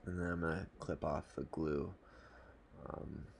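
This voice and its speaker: The host of a fly fishing tutorial walks through a knot step by step from a desk in a small room indoors. His voice is extremely deep and gravelly, and his delivery is calm, plain and unhurried. A little hiss or hum sits under the recording.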